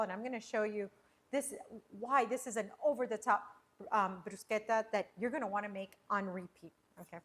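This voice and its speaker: A woman's voice: a little high, a bit bright. A woman hosting a casual cooking livestream from her home kitchen, chatting and rambling with frequent restarts as she preps food. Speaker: cooking show host.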